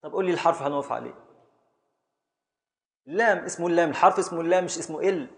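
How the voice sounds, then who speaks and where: A man with an Egyptian Arabic accent, teaching a class as a sheikh, slowly chanting syllables of poetic meter and calling on students by name to answer. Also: on the high side, vocal fry. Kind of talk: classroom lesson, quizzing students.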